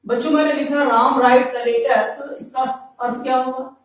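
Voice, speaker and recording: A man's voice: very high-pitched, fairly even intonation, moderate pace. A man teaching a grammar lesson to a class. He keeps repeating points and quizzing the students. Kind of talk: classroom lecture. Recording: very echoey room, mic far off.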